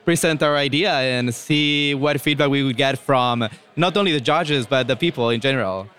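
A man from Ecuador, a product manager, giving measured interview answers with some hesitant fillers. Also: mid-range voice, a bit bright, clean tone. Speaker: product manager, hackathon guest.

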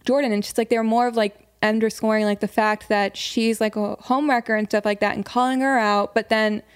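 A woman's voice: a little high, fairly even intonation, fairly quick, clean tone. Breezy young woman, says "like" constantly. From United States. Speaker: guest, satire writer. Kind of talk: casual interview chat.

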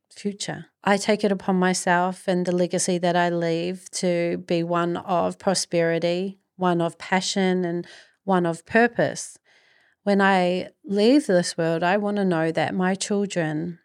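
A middle-aged woman delivers a motivational podcast monologue. She takes her time, phrasing each thought deliberately and earnestly. Her voice sits a little low and is recorded dry and close, with very little room sound. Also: darkish tone, no room sound. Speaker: podcast host.

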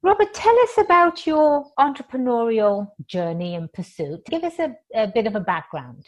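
A woman's voice: a little high, very animated, moderate pace. A woman hosting a podcast interview in a bubbly, jokey manner. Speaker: podcast host and attorney.

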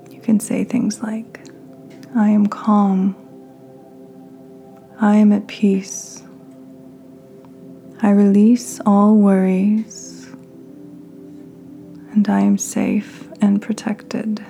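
A woman hosting a podcast, leading a guided meditation in a soft, half-whispered, soothing voice. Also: medium pitch, level tone, very slow, vocal fry, long pauses, faint music behind. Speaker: podcast host.

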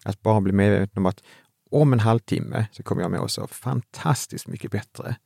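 A man talking about running and health as an author guest in a relaxed, reflective way, often restarting his sentences. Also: on the low side, gravelly, slightly rough, dry recording, studio quality. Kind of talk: casual conversation.

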